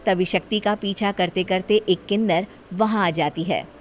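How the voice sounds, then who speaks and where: A woman narrating a cartoon horror story in a steady, plain storytelling manner. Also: mid-range voice, normal speed, slight background noise.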